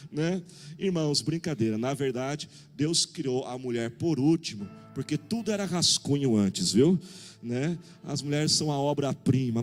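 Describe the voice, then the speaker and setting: A man with a Brazilian Portuguese accent preaching a sermon in a jokey, animated way, acting out little dialogues and calling out to the congregation. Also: on the high side. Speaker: pastor. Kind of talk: sermon with humorous anecdotes.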